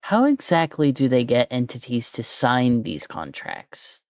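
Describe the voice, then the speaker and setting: Relaxed conversational host, mid-pitched voice, dry close mic. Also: a little slow, no room sound. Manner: relaxed, brief listening cues, sometimes hesitant. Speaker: podcast host. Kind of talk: casual chat interview.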